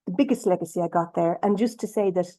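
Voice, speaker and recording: An Irish woman speaking on a video-call webinar, hesitant with many pauses and restarts, moving between Irish and English. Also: on the low side, dark tone, poor audio. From Ireland. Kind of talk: bilingual webinar talk.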